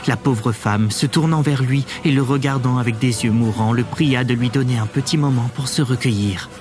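A man narrating a fairy tale in an expressive, measured storybook reading. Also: medium pitch, over music.

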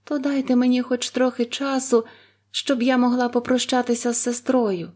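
A woman's voice: on the high side, steady tone, normal speed, darkish tone, pitched above the performer's own voice. A woman voicing a terrified young wife in a storybook, pleading in a raised, desperate voice.

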